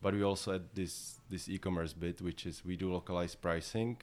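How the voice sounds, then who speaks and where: A man with a Czech accent answering interview questions in a halting way, often repeating words as he goes. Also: deep voice, little pitch movement. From Czech Republic. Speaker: podcast guest, head of localization and e-commerce at a software company.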